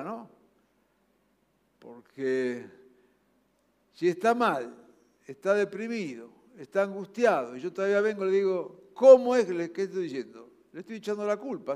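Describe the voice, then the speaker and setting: A man with a Rioplatense Spanish accent preaching a sermon. He urges his listeners earnestly, rising loud and then dropping to soft, low passages. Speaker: pastor. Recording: long hall reverb.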